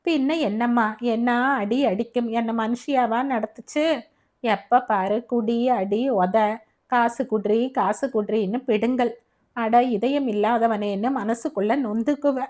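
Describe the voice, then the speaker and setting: A rough, chatty working-class wife, voiced by a woman narrator, speaking frankly and bluntly. The voice sits fairly high and close to the reader's own. This is storybook narration. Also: measured pace, darkish tone, close to an everyday voice.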